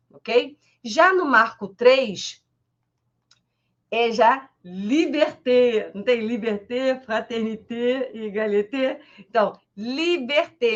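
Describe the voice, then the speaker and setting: A woman's voice: fairly high pitch, fairly bright tone, lo-fi sound. Chatty Brazilian woman teaching on a stream. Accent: Brazilian Portuguese. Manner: chatty, repeats tag questions like "né?" and "tá?". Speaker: online French teacher. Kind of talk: live online class presentation.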